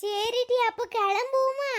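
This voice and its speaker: A woman's voice: very high-pitched, fairly even intonation, measured pace. A woman voicing many characters in a village cartoon comedy, with chatty village talk.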